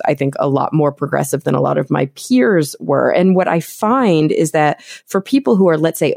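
A Texan woman hosts a podcast, working through long, thoughtful points in a casual interview chat. Her voice is deep and darkish, with vocal fry. The recording is dry and studio-clean.

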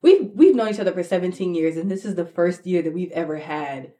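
A woman's voice: lowish voice, animated, brisk, warm tone. A woman with a New York accent speaking casually and reflectively as a podcast co-host, stressing points by repeating words.

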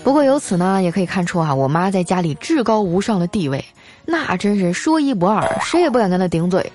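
A woman telling funny family stories in a lively, teasing, chatty manner. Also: medium pitch, fast talker, faint music behind. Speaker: storyteller. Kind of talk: comedic storytelling.

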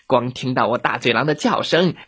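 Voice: mid-range voice, lively intonation, brisk, a bit bright. A storyteller voicing a boastful, easily flustered male wolf in a children's audio story. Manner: gruff, bragging, easily flustered.

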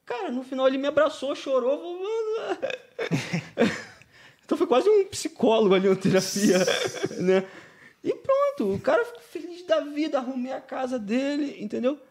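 A Brazilian-accented man with a notably high voice, talking as a podcast guest. His voice has a gravelly, fried edge. He chats and tells stories freely, and he keeps checking in with the listener. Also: big pitch swings, moderate pace, darkish tone. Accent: Brazilian Portuguese. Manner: chatty storyteller, constantly adding "né?". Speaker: guest, painting business owner. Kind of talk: casual podcast interview.

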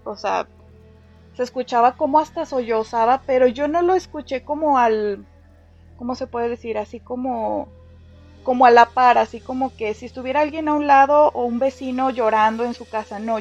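A woman telling a ghost story in casual chat, lively and slangy. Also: fairly high pitch, moderate pace, highs cut off, faint music behind.

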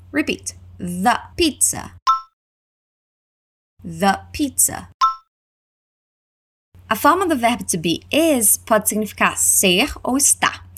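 A woman with a Brazilian accent teaching English words, saying each one slowly and clearly for listeners to repeat. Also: medium pitch, a bit bright. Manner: slow, clear modeling of words for repetition. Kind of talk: language lesson narration.

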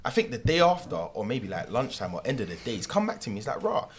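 Young male, London roadman accent, lowish and animated, slangy anecdote style, faint noise. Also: quick pace. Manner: slangy, acts out reported dialogue. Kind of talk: casual anecdote telling among friends.

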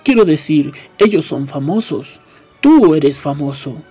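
A man voicing a gruff, furious giant of a man who roars his indignation, read aloud in a storybook reading. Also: fairly high pitch, animated, a little slow, mellow, soft background music. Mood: indignant. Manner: roaring, indignant.

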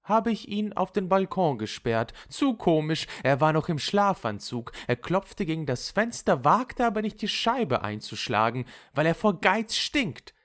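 A woman's voice: on the low side, very animated, a little slow, few pauses, voice pushed up. A reader voicing Loulou, a flighty and impulsive young woman who chatters in a gossipy way, in an audiobook. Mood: chattering. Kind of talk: audiobook character voice.

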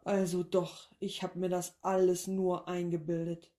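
Bewildered male professor in a storybook, unsteady and disbelieving, mellow voice, as a woman reader puts him on. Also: fairly low pitch, flat delivery, unhurried, close to an everyday voice. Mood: relieved. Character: frightened, bewildered male professor in his lab.

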